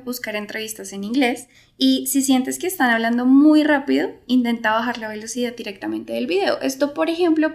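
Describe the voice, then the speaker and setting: A woman, an English teacher, explaining a podcast lesson clearly and speaking straight to the listener. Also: sits high, a little mellow.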